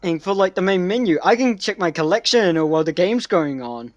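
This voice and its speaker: A co-caster talks casually through a game stream, chatty and quick to get exasperated. The voice sits at a middling pitch. The sound is close and dry, with no room echo. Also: animated.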